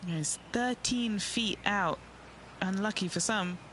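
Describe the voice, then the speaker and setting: A man's voice: sits high, takes it slowly, pushed and bright, a little hiss or hum, heavily acted. A man playing a matter-of-fact on-course golf commentator, giving short, informal reports in a video game.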